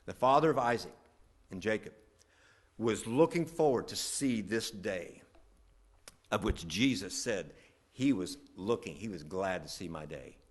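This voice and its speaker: A middle-aged man from West Virginia, a pastor preaching a sermon with emphatic swells on key lines. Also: medium pitch.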